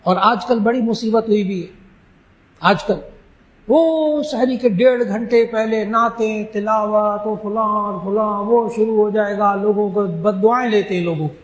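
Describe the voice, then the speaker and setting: Answering questions in an emphatic religious address, a Pakistani Islamic scholar slows down to drive home key phrases. He speaks in a high register, recorded in a room with noticeable echo.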